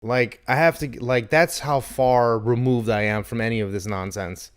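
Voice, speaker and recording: A man's voice: mid-range voice, moderate pace, clean tone. A man in his thirties co-hosting a comedy podcast, rambling and joking with lots of swearing. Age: 30s. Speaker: podcast co-host. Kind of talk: casual chat.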